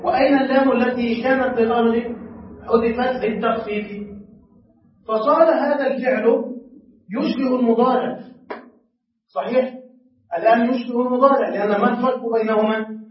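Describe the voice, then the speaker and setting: A man's voice: very high voice, steady tone, moderate pace, pauses often. A man teaching a grammar class, asking his students questions and then answering them himself. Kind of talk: classroom lesson. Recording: echoey classroom from far off, dull.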